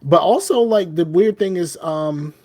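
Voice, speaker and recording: Rambling casually as a podcast co-host, a middle-aged Southern man leans on "you know what I mean" a lot. His voice is high, animated and a little mellow, and his Southern accent comes through at a measured pace.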